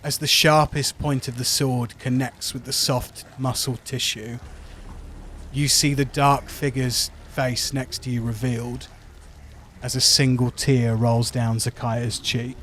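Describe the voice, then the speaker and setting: A man running a tabletop game, narrating dramatically and descriptively with deliberate pauses. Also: medium pitch, flat delivery, fairly bright tone, slight background noise. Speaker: game master.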